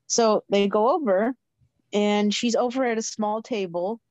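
A woman narrating an improvised role-play story in an informal, halting way. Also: medium pitch, a little mellow, no room sound, lo-fi sound.

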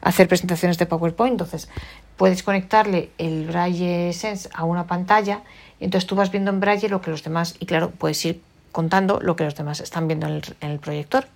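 A woman's voice: lowish voice, fairly even intonation, brisk, vocal fry. A woman with a Spanish accent from Spain, casually walking through menu settings and explaining each item in a chatty, repetitive way. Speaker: tutorial presenter. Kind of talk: casual spoken walkthrough.

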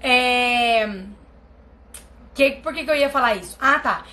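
High-voiced animated Brazilian woman. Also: slow pace. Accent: Brazilian Portuguese. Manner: animated storytelling with big pitch swings. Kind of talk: casual live-stream talk to viewers.

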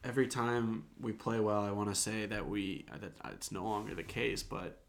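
A man's voice: fairly low pitch, steady tone, moderate pace, creaky. A man in his twenties co-hosting a sports podcast, wry and pessimistic as he rattles off stats in casual chat. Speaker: podcast co-host.

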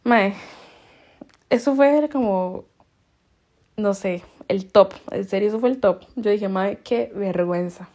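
A woman's voice: mid-range voice, takes it slowly, long pauses, darkish tone. A woman with a Costa Rican accent telling stories in a casual podcast chat, laughing often and using heavy slang. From Costa Rica. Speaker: podcast host.

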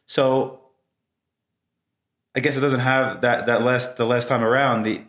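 A man's voice: mid-range voice, fairly even intonation, unhurried, a bit bright. A man talking casually and reflectively as an interview guest. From Brooklyn, New York.

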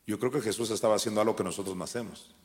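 A man preaching in a large church hall, his voice carried by a long, ringing reverb. He swings between fiery shouted commands and hushed, low asides, pressing each point home. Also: steady tone, rapid-fire. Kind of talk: sermon.

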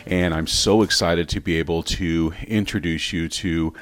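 A man's voice: sits low, steady tone, normal speed. A podcast host from the South, upbeat and joking as he interviews a guest. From Southern United States. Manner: upbeat, joking, self-promoting.

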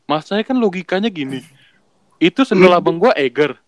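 Young male co-host, animated slangy storyteller, fairly high pitch, dry close mic. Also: normal speed, no room sound. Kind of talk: casual storytelling chat.

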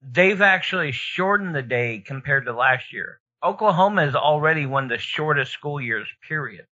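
A man's voice: fairly high pitch, expressive, moderate pace, pushed and bright. A man hosting a podcast in a casual, conversational style. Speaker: podcast host. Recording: slightly dull, lo-fi podcast sound.

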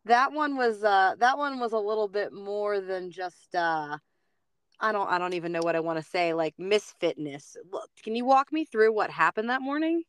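Smooth-voiced woman hosting a chatty podcast. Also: mid-range voice, animated, moderate pace, dry recording. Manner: hesitant and searching, laughs along. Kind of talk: casual interview chat.

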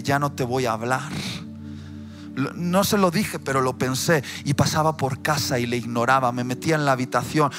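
A man preaching a sermon, telling a personal story and swinging from quiet storytelling to loud, impassioned preaching. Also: mid-range voice. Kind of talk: emotional sermon testimony. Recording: music playing behind the voice.

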